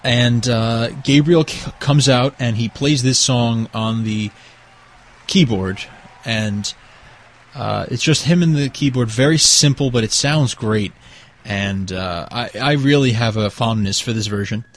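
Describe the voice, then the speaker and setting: A man hosting a music show, introducing songs in a hushed, relaxed way with plenty of fillers. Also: medium pitch, a little slow. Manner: hushed, relaxed, mellow delivery; rambling with frequent fillers. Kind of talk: casual radio-style song introductions.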